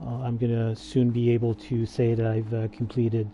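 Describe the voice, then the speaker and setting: Hesitant man with a dark voice. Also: mid-range voice, monotone, normal speed, a little hiss or hum. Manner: hesitant, full of "uh" fillers and restarts. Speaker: gaming livestreamer. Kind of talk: casual gameplay commentary.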